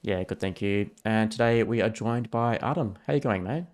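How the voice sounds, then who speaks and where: A man's voice: lowish voice, moderate pace, a little mellow. A man hosting a podcast, friendly and chatty. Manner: friendly, chatty, reads sponsor lines. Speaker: podcast host.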